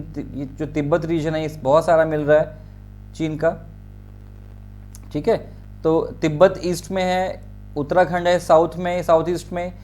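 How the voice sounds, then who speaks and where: Man teaching a map lesson, fairly high voice. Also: a little mellow. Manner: repeats place names, points out spots with many fillers; addresses students directly, checks understanding. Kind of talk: exam-prep lecture over a map.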